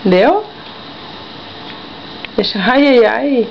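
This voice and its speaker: A woman's voice: a little high, expressive, extremely slow, gravelly. A young mother talking baby talk to her toddler, coaxing and repeating herself in a sing-song way. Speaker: mother feeding her child. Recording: dull lo-fi home video with faint noise.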